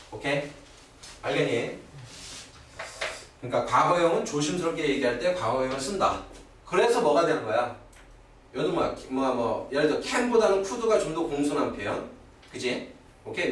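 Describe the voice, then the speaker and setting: A middle-aged man teaching English grammar in a live classroom lecture. He keeps asking his students quick rhetorical questions to check that they follow. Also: a little high, recorded from a distance, slight background noise. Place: classroom at a cram school. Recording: echoey room, voice from afar, old video.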